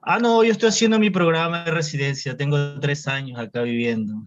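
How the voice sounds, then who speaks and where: A man's voice: on the high side, fairly even intonation, fairly quick. A talkative man from Ecuador, a neurosurgery resident, chatting politely on a video call. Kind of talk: casual video call chat. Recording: dull lo-fi call audio.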